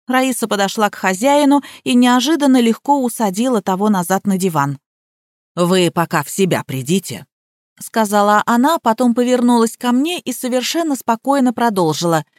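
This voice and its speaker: A woman narrating an audiobook in a lively, expressive reading style. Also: fairly high pitch, brisk, hardly any pauses, dry recording, clean studio sound. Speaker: audiobook reader.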